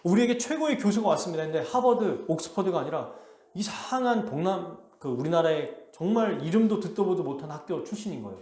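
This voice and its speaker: A male pastor preaching a sermon with animated delivery, acting out the quotes he reads. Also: high voice, brisk, roomy sound. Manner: animated, acts out quotes in a lively voice. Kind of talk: expository sermon. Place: church sanctuary.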